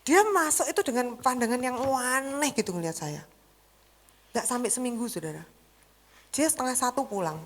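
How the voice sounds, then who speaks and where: A high-pitched woman pastor with a Central Javanese accent preaches with lively storytelling. She acts out conversations in different voices and laughs often as she talks to the congregation. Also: normal speed. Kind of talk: sermon with acted-out storytelling.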